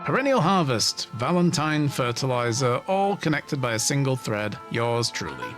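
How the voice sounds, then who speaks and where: A man voicing a smug, scheming villain in a child's body, speaking in a slow, theatrical, menacing manner. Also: mid-range voice, sing-song, music in the background, lightly acted. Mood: smug, grandiose. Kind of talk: villain monologue, dramatic reading.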